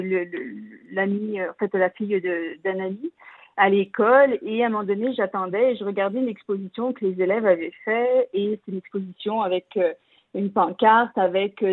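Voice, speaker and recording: A woman's voice: medium pitch, breathy edge, no echo. A woman with a French accent calling in to a radio show, telling a story with many fillers and restarts. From France. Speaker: caller. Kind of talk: radio call-in chat. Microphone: phone. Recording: tinny phone line.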